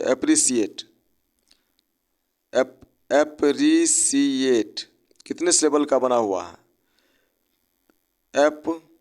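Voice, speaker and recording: A man teaching an English spelling lesson, breaking words into syllables and spelling them out letter by letter. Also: mid-range voice.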